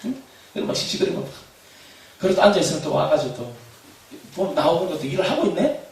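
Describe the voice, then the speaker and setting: A man preaching a sermon as pastor, animated, shouting refrains and laughing as he tells stories. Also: a little high, fast. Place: church hall. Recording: echoey hall, far from mic, faint noise.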